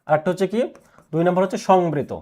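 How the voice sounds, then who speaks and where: A male teacher giving an exam prep lecture, asking questions and answering them himself, repeating key answers slowly. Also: sits high, dark tone.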